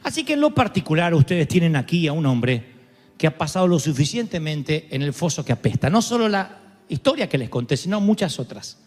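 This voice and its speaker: A pastor preaches with passion in a high-pitched voice, moving between cries and hushed, slow emphasis. His sermon is recorded live in a large church hall with a long, echoing reverb. Faint music plays behind him. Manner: impassioned preaching, swinging from shouts to soft, slow emphasis.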